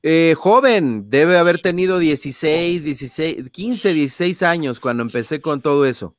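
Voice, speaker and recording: A slightly high male voice at a moderate pace comes through in studio quality with no room sound. The speaker, a guest being interviewed and the son of a famous singer, has a Mexican accent, recounts anecdotes casually, mimics scenes with sound effects, and uses tag questions and fillers a lot.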